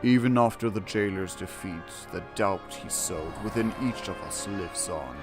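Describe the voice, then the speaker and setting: With game music playing behind him, a streamer reads quest text out loud at a normal speed in a low voice. He reacts casually, bursting into excited exclamations, then hesitating and correcting himself.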